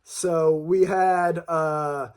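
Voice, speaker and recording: A man's voice: a little high, fairly even intonation, extremely slow, darkish tone, clear, resonant tone. A man hosting a casual livestream roundup of a game league, rambling and joking with many ums and uhs.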